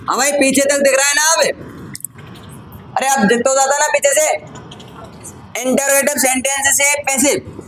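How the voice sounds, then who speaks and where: A man's voice: extremely high pitch, level tone, moderate pace, pauses often, fairly bright tone, a little hiss or hum, poor audio. A man teaching a grammar lesson to a class, calling the students brother and son and checking often that they follow. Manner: addresses students as "bhai" and "beta", asks frequent check questions.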